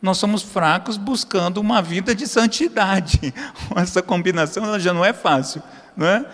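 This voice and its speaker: A man preaching a sermon as pastor. He swings between loud, high emphasis and low, quiet asides, and acts out short prayers in a familiar tone. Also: moderate pace. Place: church hall. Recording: long hall reverb.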